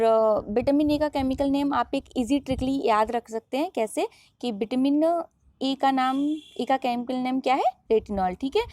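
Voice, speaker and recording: Woman, online biology teacher, drills terms by question and answer; higher pitch, dry close recording. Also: darkish tone, no echo. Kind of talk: online lesson.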